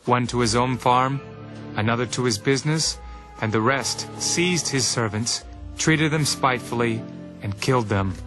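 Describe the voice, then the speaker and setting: An actor playing Jesus in a scripture audio drama, a teacher speaking parables with solemn, measured authority. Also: male voice, medium pitch, close to an everyday voice. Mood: measured storytelling. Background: music.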